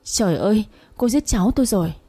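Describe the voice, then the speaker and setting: A woman voicing a sharp-tongued elderly mother-in-law who scolds harshly, in a storybook reading. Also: medium pitch, animated, quick pace, breathy edge. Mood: angry. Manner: accusing, harsh.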